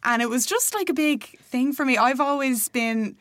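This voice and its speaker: Young woman, slightly high pitch, casual guest, self-deprecating, informal. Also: animated, moderate pace, a bit bright, no room sound, clean studio sound. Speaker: show producer appearing as guest. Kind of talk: casual chat.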